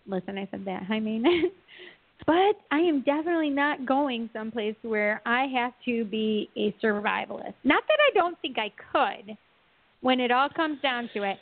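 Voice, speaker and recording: A woman with a high voice jokes brashly as she co-hosts a casual show. The sound is thin and tinny, like a phone line. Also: moderate pace, no room sound. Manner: brash, joking, reading chat aloud. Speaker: co-host. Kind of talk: casual talk show chat.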